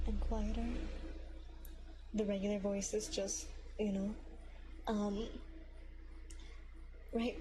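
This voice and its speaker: A woman hosting a soft-spoken livestream from her apartment on a binaural mic, talking smoothly and quietly, often in a whisper, and chatting in a rambling way. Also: medium pitch, a little hiss or hum, low-quality recording. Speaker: ASMR livestream host. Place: home apartment. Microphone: binaural dummy-head mic.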